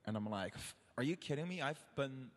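Halting young man in a reverberant room. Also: mid-range voice, lively intonation. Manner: halting, repeats words, swears casually. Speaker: podcast co-host, comedian. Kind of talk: casual storytelling. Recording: long hall reverb.

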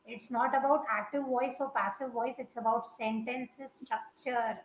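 A woman's voice: a little high, steady tone, unhurried, echoey room, a little hiss or hum, poor audio. A woman from India, hosting a casual chat and giving emphatic, opinionated takes. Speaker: host. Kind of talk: casual live-stream chat.

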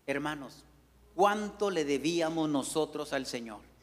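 A man's voice: animated, measured pace. A man preaching a fervent sermon as pastor, constantly calling out to the brethren as his voice leaps up and down. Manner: fervent preaching, frequent "hermanos", big pitch swings. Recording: long reverb of a hall.

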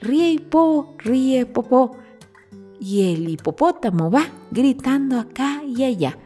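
Slow sing-song woman reading a rhyme. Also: high-pitched, very animated, dark tone, soft background music. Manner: sing-song rhyming recitation. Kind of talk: storybook poem reading.

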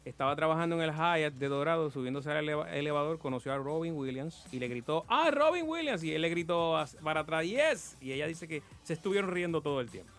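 A man co-hosts a radio show and reads listener messages with animation. His voice is bright and a little high, and it rises and falls a lot. Music plays faintly behind him. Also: steady tone, quick pace, few pauses. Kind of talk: casual radio chat.

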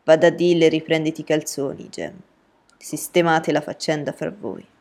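A woman voicing a calm, firm middle-aged father in a storybook reading, speaking in a measured, lowered tone.

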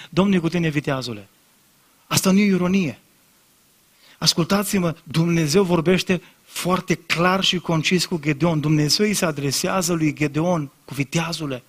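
A man preaching a sermon as pastor, speaking straight to the congregation and building to loud, impassioned emphasis. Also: a little high. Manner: addresses congregation directly and repeatedly.

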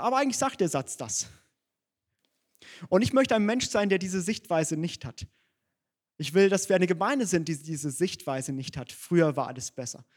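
Mann predigt ernst und direkt. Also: male voice, high voice. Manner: direct, earnest preaching addressed to the congregation. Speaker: pastor. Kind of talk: sermon. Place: church.

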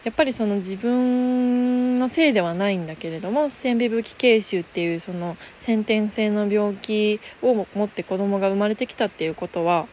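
Soft-spoken young woman talking outdoors. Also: mid-range voice, moderate pace, slight background noise. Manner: gentle, reflective, many soft fillers. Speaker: podcast host. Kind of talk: casual solo radio talk. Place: outdoors in the mountains. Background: faint nature sounds.

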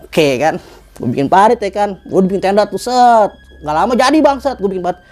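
A man's voice: sits high, a little fast. A man with telling a story in casual chat, acting out his friends' lines. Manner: animated, acts out friends' lines in a raised voice, swears casually.

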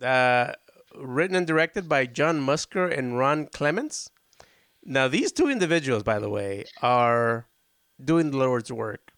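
This podcast host is a man who rambles eagerly about old films, frequently interrupting himself and starting over. He speaks unhurriedly in a smooth, expressive, medium-pitched voice with a touch of brightness, captured dry in a clean studio.

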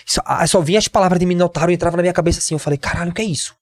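Young guy w/ northeastern brazilian accent, telling a story all fired up, kinda high voice, dry close sound. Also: fairly even intonation, very fast, no echo. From Pernambuco, Brazil. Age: 20s. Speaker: guest, MMA fighter. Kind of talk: emotional storytelling in a podcast.

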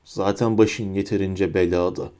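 A man voicing a cold, menacing adult male wizard teacher in an audiobook, speaking low with a silky, hissing menace. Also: steady tone, normal speed, mellow, clean tone, natural voice. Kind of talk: audiobook character voice.

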